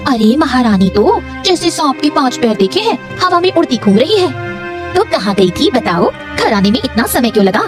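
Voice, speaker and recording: A woman voicing a sharp-tongued, scheming sister-in-law in a cartoon, taunting and scolding. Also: on the high side, sing-song, normal speed, few pauses. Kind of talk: cartoon voice acting. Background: background music.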